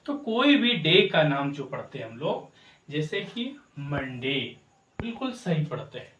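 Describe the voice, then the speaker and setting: A man's voice: a little high, big pitch swings, measured pace, fairly bright tone, far from the mic, lo-fi sound, a little hiss or hum. A man teaching English pronunciation, spelling words out letter by letter and repeating the correct form while asking the viewers to follow along. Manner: addresses viewers directly with rhetorical checks. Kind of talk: spoken language lesson. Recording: echoey room, voice from off mic.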